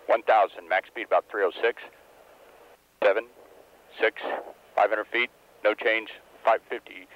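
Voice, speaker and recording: A shuttle crewmember in the cockpit calls out altitudes and speeds for landing in clipped, matter-of-fact callouts over the crew headset intercom. His voice is fairly low and steady, unhurried, with long pauses. The archival cockpit audio is dull with a faint hiss.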